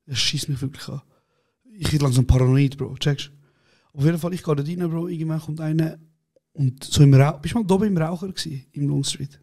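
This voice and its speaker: Animated slangy man telling anecdotes. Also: a little high, a little fast. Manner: slangy, animated anecdotes with acted quotes, laughs often. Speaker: podcast co-host. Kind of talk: casual chat, storytelling.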